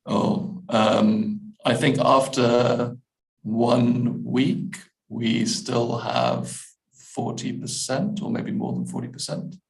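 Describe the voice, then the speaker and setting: A man's voice: mid-range voice, steady tone, takes it slowly, vocal fry, rough recording. A man, an app editor, answering questions in a webinar, hesitant with many restarts and fillers.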